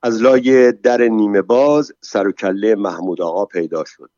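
A man reads a story aloud in a low voice, steady and measured. The recording sounds dull and lo-fi, with dry, close acoustics. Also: no echo. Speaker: narrator. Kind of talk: scripted narration.

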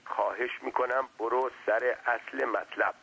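A man's voice: medium pitch, fairly even intonation, gravelly, pushed and bright, breathy edge, exaggerated voice, rough recording. A man voicing an irritated master who speaks in short, curt questions. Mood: impatient. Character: impatient grown man, the master.

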